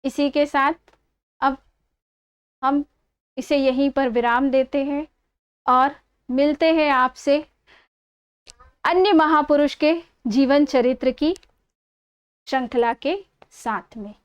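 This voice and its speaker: A woman's voice: high voice, takes it slowly, long pauses, lo-fi sound. A woman reading a life story aloud, explaining words and repeating verses.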